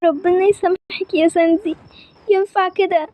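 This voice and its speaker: A woman with an Egyptian accent telling a story in lively, conversational character voices. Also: extremely high pitch, normal speed. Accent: Egyptian Arabic.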